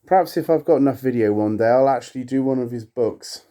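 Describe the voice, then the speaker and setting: A man with a dark, medium-pitched voice performs poetry for a video he creates and hosts. The verse comes out slow and dramatic, and his chatty asides are wry and playfully self-mocking.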